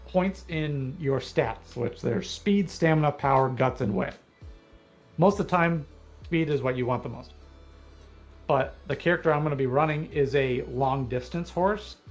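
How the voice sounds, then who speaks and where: Talkative man explaining a game. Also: medium pitch. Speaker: guest co-player on a livestream. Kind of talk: casual gaming chat.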